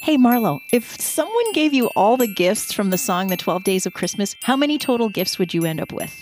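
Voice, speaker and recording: A woman's voice: mid-range voice, sing-song, brisk, darkish tone, soft background music. A woman co-hosting a scripted radio segment, upbeat and quizzing her partner. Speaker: radio co-host.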